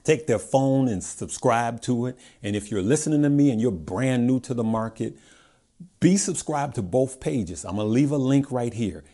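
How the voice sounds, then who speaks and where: A man's voice: mid-range voice, animated, moderate pace, warm tone. An American man hosting a casual investing vlog, talking straight to viewers with emphatic, repeated phrases, his speech slightly garbled by stitches in his mouth after dental surgery. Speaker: investing video host. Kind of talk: casual direct-to-audience vlog talk.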